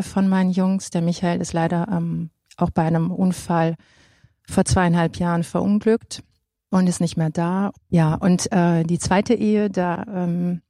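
A woman's voice: lowish voice, warm tone, no echo, clean studio sound. A woman in her forties sharing a personal testimony on a panel, hesitant and full of fillers. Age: 40s. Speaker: panel guest.

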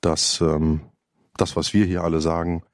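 A man's voice: deep voice, level tone, measured pace, dry recording, studio quality. A man in his late fifties introducing himself hesitantly, with many filler sounds. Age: 50s. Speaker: panel guest.

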